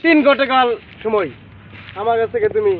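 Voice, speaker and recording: A man playing a fake male holy man in a comedy skit, intoning slowly with long ritual hums. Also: extremely high pitch, narrow, tinny audio, noisy background. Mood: commanding.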